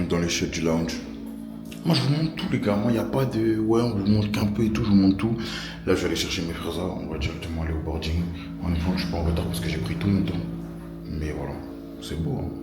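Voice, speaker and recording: In a casual vlog shot in an airport lounge, a deep-voiced man in his twenties with a French accent talks straight to camera. He is chatty and slangy, calling his viewers "les gars," while noisy airport sounds surround him.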